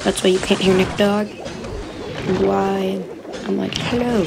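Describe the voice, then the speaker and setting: A woman's voice: mid-range voice, monotone, slow pace, creaky. Lady doing giggly game commentary, noisy recording, chatty. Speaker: gameplay commentator.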